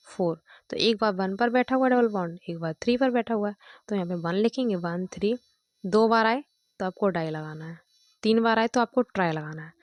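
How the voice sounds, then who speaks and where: A mid-range female voice, recorded with no echo, belongs to a chemistry teacher explaining things one step at a time. She counts aloud and frequently checks in with students using "thik hai" and "dekho".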